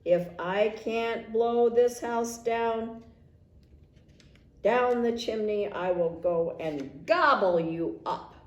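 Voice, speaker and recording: A big bad male wolf, hungry and menacing, growling his demands loudly, as a woman reads him aloud. His voice swings up and down with plenty of life. It is heard in an echoey room. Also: high voice, lively intonation, takes it slowly, dull audio, pitched above the performer's own voice. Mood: threatening.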